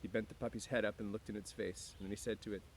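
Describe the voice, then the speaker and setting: A man whose voice is on the low side talks fast with a steady tone, and the audio is poor, with faint music behind him and clear outdoor background noise. With an easygoing teacher's delivery, he chats casually with students and reads a book aloud near the woods, clearing his throat frequently.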